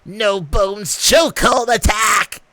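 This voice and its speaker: A man voicing a laid-back, tough male brawler with a slow, drawling delivery in an amateur fan reading. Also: a little high, expressive, vocal fry, sharp tone, no room sound, heavily acted. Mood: gruff.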